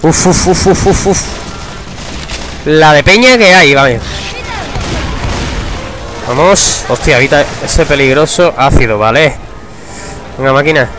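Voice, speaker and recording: A young man giving casual, excitable gameplay commentary, swearing and breaking into shouts. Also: fairly high pitch, measured pace, long pauses. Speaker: gamer. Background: game music.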